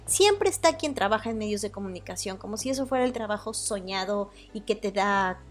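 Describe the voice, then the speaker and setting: A woman's voice: medium pitch, expressive, brisk. A woman with a Mexican Spanish accent hosting a solo podcast, talking in a chatty, hedging way and often correcting herself. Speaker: podcast host. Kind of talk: casual solo podcast commentary.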